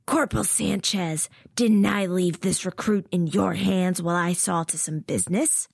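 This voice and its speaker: A man's voice: fairly high pitch, sing-song, a little slow, creaky, husky, no echo, studio quality, exaggerated voice. A woman narrator voicing a cold, menacing male military officer who taunts through clenched teeth. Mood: angry.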